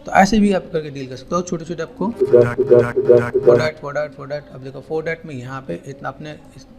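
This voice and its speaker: A man giving a casual, repetitive software tutorial, pointing things out step by step. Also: fairly high pitch, moderate pace, gravelly, a crowd in the background. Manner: repetitive, keeps saying "here" and "okay". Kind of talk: casual screen-recorded tutorial.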